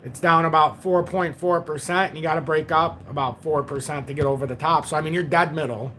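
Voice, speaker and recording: A crypto livestream host in his forties talks through market charts in a casual analysis stream, his voice fairly high for a man, fairly bright, brisk and fairly even in intonation. He repeats his phrases and reads and answers viewer comments as he goes. A faint hum of noise sits beneath his voice.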